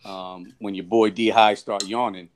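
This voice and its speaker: A man trades playful, teasing banter with friends on a live stream panel. His chat stays casual and relaxed. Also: fairly low pitch, measured pace.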